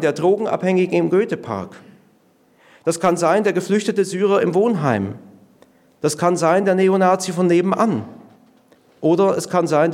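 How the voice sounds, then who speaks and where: A man preaching a sermon as pastor, earnest and measured, slowing down to stress key words. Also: sits high, a little mellow.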